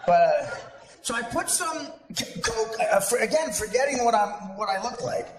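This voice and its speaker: A male comedian spins a profane, self-mocking tale for a live crowd. His voice sits high and leaps all over the place. The sound rings with long hall reverb over a steady bed of noise. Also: normal speed. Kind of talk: stand-up storytelling to a live audience. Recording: echoey hall with background noise.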